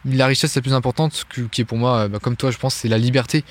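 A man from France, a guest on an interview, chatting casually in a quick, loose way with many fillers and restarts. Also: medium pitch, steady tone. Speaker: guest, online Irish music teacher.

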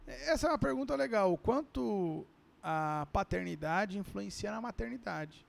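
Man host, jokey, high voice with gravel. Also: expressive, normal speed. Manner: jokey storyteller, laughs through stories. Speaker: podcast host father. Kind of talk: casual podcast chat.

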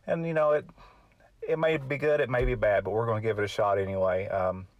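A man's voice: lowish voice, fairly even intonation, brisk, lo-fi sound. A middle-aged man from Kentucky with an Appalachian drawl, chatting informally as a solo podcast host in a hesitant, folksy, self-effacing way. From Kentucky, United States. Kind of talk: casual solo podcast chat.

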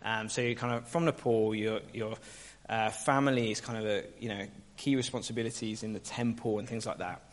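A man's voice: on the low side, steady tone, fairly quick, hardly any pauses. A man hosting a casual onstage interview in a church, chatty and teasing. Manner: chatty, teasing, laughs easily. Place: church hall. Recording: reverberant church hall.

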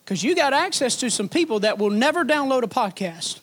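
A man preaching a sermon as pastor, folksy and animated, building emphasis through repetition. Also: very high voice, brisk.

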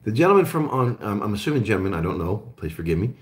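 A man's voice: lowish voice, very animated, quick pace. A man from Germany who grew up in Oklahoma, hosting a live call-in show about metals and resource stocks, chatting casually with lots of fillers and restarts. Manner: rambling, with frequent fillers and restarts. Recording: roomy echo.

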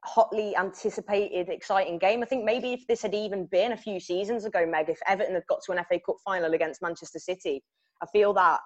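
A woman's voice: medium pitch, highs cut off. A woman hosting a club podcast, asking players chatty questions and laughing easily between them. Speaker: podcast host.

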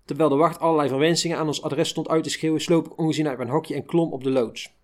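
Guy reading a memoir in first person, fairly high voice, slow and steady. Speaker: reader of a memoir.

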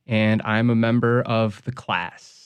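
A man's voice: fairly low pitch, little pitch movement, unhurried, clean tone, no room sound, muffled recording. A man poet from Saint Louis answering interview questions in a thoughtful, fluent way.

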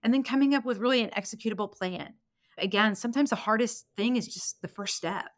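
Speaking fast in a fairly high voice, a woman of 49 who turns fifty next month offers frank, encouraging answers during a conversational podcast interview. She works as a business consultant and strategic planner, and the recording is dry and studio-clean.

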